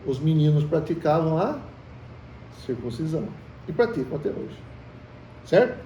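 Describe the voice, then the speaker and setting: A man speaking with a Brazilian Portuguese accent hosts a casual Bible study, asking the group questions and calling them brothers. His fairly high, mellow voice is very animated at a normal speed, and its highs are cut off. The sound is echoey and far away, with a faint hiss.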